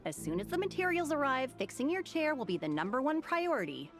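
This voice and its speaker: A woman voicing a blacksmith's practical, gently scolding daughter in a video game. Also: high voice, sing-song, fairly quick. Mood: placating, firm. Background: music.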